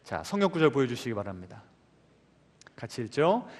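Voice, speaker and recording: A man's voice: mid-range voice, sing-song, normal speed, a little mellow. A male pastor giving a Sunday sermon in a church sanctuary, keeps asking the congregation questions. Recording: long reverb of a church hall.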